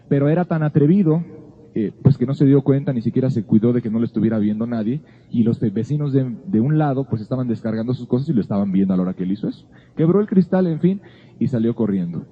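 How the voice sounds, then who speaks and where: A man's voice: medium pitch, husky. A man giving an earnest Bible teaching, telling a personal story in a conversational way. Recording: phone-like narrow sound.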